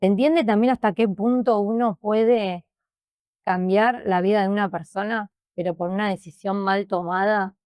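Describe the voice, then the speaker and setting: Rioplatense woman in an interview, halting, emotional, keeps repeating words, dry close sound. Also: mid-range voice, fairly even intonation, darkish tone, clear, resonant tone, no echo. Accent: Rioplatense Spanish. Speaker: interview guest. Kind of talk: personal testimony in conversation.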